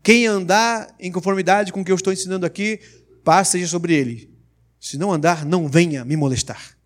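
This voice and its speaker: A stern, indignant older apostle scolds his followers in a sharp, raised, high-pitched voice, as a preacher acts him out within a sermon. The delivery is vehement and exasperated. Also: fairly quick, lightly acted. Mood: firm. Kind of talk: sermon with acted quotations.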